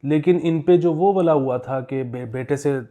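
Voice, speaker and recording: A man with a Pakistani accent co-hosts a casual, humorous current affairs podcast, telling anecdotes jokingly and chuckling as he talks. His voice is on the high side, unhurried and mellow.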